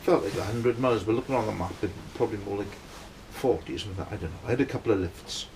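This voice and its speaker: Talking at a quick pace in a lower-side voice, this middle-aged Welshman from a band rambles through a long personal story. He keeps checking in with his listeners using "right?", against a noisy background.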